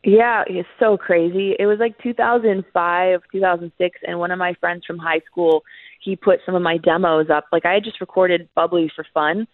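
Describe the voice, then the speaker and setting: A woman's voice: fairly low pitch, normal speed, dry recording. A woman in her thirties talks easily as an interview guest, filling her answers with casual asides. Her voice comes over a tinny phone line with a dry, close sound. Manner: relaxed, chatty, leans on filler words. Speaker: guest musician.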